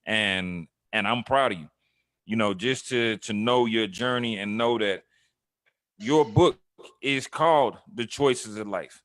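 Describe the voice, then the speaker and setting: A man in his thirties hosting an interview, talking in an affirming, brotherly, halting way. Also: on the low side, fairly bright tone, dry recording, clean studio sound. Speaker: host. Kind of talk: casual interview talk.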